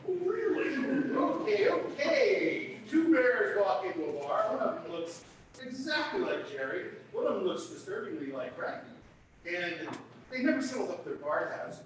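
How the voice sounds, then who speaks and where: A man acting in a live stage comedy, delivering bar jokes in a drawn-out deadpan way, captured by a distant mic in an echoey theater. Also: high voice. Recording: echoey stage recorded from far off, hissy.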